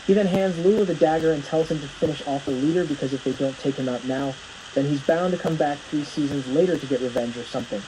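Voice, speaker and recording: A man's voice: a little high, fast talker, noisy background. A man narrating a plot recap from a script, telling the story as it unfolds.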